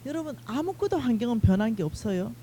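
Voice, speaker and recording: A woman preaches an emotional testimony at a church revival meeting, her voice dark and mellow. She swings dramatically between hushed and loud. There is a faint hum on the mic. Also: on the high side, expressive, quick pace. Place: church sanctuary.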